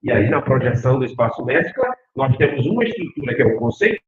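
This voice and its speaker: A man's voice: mid-range voice, fast talker. A middle-aged man from Northeast Brazil with a Northeastern accent, giving a university lecture and often asking the audience questions. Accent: Northeastern Brazilian Portuguese. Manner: animated, asks the audience questions. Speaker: university professor. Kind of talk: lively academic lecture. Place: lecture hall. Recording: echoey hall, tinny phone-like sound.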